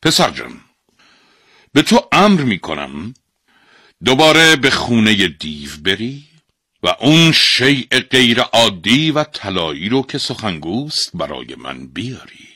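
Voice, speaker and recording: A man's voice: lowish voice, breathy edge, no echo, clean studio sound, pitched above the performer's own voice, full character voice. A man voicing a ruler who praises and gives orders to a clever boy in a storybook tale. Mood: commanding. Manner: commanding, lively. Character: amused commanding ruler, male, older.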